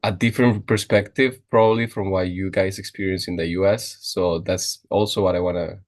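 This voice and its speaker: Young man, podcast guest, low voice, lots of restarts. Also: brisk. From Costa Rica. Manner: restarting, filler-heavy, lively. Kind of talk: casual chat.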